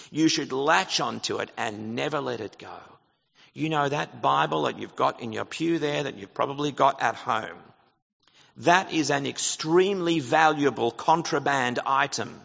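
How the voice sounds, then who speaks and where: Creaky, husky, and a little bright, this man's mid-range voice carries a sermon through a church hall's reverb on a dull lo-fi recording. As pastor, he earnestly explains his points and poses rhetorical questions to the congregation.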